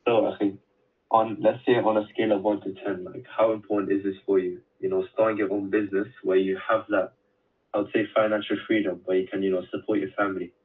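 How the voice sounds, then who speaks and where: A man on a sales call asking friendly questions in a quick, even way. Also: fairly low pitch. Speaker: sales setter on a phone call. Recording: distant tinny phone-call recording.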